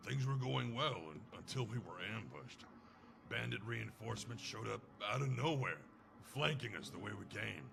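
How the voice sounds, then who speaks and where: A man voicing a grim, weary mercenary in a game, talking curtly and gruffly. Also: mid-range voice, animated, moderate pace, background noise. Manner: gruff, brooding, curt. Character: grim weary male mercenary searching for his wife. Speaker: game character. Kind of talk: game voice acting.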